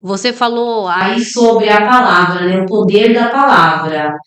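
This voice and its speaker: A woman hosts a casual faith podcast, encouraging and affirming her guest at a middle pitch. Her voice sounds roomy and strongly echoey, and she is set back from the microphone. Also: a little slow, a bit bright. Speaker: podcast host. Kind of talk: casual interview. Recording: echoey room, mic at a distance.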